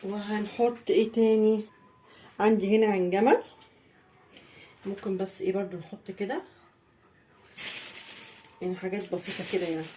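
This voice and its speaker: Egyptian lady talking thru her cake decorating at home, average pitch, bit of noise in the background. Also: fairly even intonation, normal speed, long pauses, warm tone. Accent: Egyptian Arabic. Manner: chatty, talks viewers through each step. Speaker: home baking vlogger. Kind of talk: casual cake-decorating tutorial.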